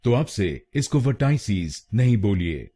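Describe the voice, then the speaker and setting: Slow, dark-voiced man teaching pronunciation. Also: lowish voice, very animated, slightly rough. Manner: slow, drilling repetition of syllables. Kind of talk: scripted pronunciation tutorial.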